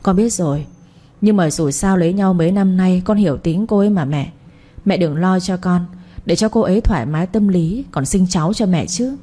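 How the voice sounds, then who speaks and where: A stern but reasonable young husband, voiced by a woman reader. The delivery is firm and measured in a mellow tone. It is an audio story reading. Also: fairly low pitch, natural voice. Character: young husband, stern yet soft-hearted.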